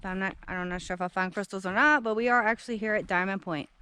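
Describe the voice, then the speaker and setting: A woman, vlogging outdoors into a handheld camera, excitable and chatty as she talks straight to viewers. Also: medium pitch, fast, smooth. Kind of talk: casual outdoor vlog narration. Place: outdoors at a dig site.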